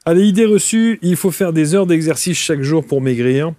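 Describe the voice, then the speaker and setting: A man interviewing a guest, asking playful questions and chiming in quickly with short agreements. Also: on the high side, animated, warm tone, no echo. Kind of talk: casual interview chat.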